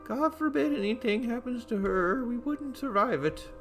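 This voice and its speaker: A man's voice: very high-pitched, lively intonation, normal speed, soft background music, voice pushed up. A man voicing a chatty, fussing elderly housewife in a game. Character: fussy elderly housewife, hospitable.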